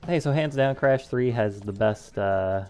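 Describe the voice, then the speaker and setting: A man's voice: medium pitch, measured pace, a little mellow, smooth. A man giving casual, offhand commentary while playing a video game, humming along and swearing now and then. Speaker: let's play host. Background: faint game music.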